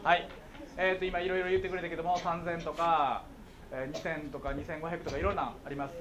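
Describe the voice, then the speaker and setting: A man's voice: fairly high pitch, little pitch movement, fairly quick, crowd noise. A middle-aged man with a Kansai accent, giving a playful, jokey talk to schoolchildren as a guest speaker and often checking that they follow. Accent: Kansai Japanese. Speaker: guest speaker on visual impairment.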